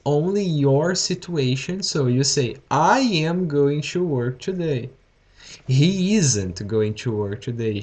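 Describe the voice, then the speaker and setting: Slow Brazilian-accented male English teacher. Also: a little high, a little mellow. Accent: Brazilian Portuguese. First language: Portuguese. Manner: slow, repetitive, encouraging explanations to students. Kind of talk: live-streamed grammar lesson.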